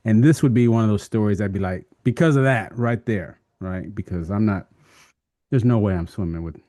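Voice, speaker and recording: Man, middle-aged, podcast co-host, lively joking chat, dry sound. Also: on the low side, brisk, dry recording. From Texas. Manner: animated, joking storyteller with frequent "right?". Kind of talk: casual chat.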